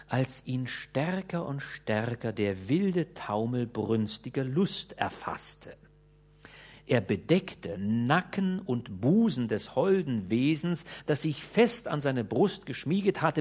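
A man reading a literary audiobook aloud with expressive, theatrical narration. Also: mid-range voice, breathy edge. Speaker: audiobook reader.

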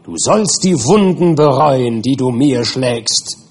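Vengeful male creature, slow husky menace, read by a man. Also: medium pitch, expressive, voice pushed up. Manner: hushed, dragging threats swelling to outbursts.

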